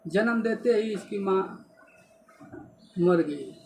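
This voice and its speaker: Man doing a humble sorry dad, high voice, slow, folk story. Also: vocal fry, darkish tone, slight background noise, heavily acted. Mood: humble, remorseful. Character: humble widowed father, remorseful and plain.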